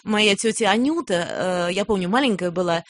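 An older woman talking as a guest in a radio studio, explaining things and often pausing on "э". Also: medium pitch, no room sound. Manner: explanatory, with frequent "э" hesitations. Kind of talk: radio interview conversation.

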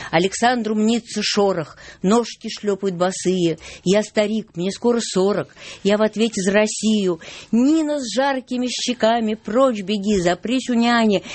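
A woman's voice: mid-range voice, a little mellow, no room sound. A woman guest on a radio show, chatting with dry jokes and reading a poem aloud.

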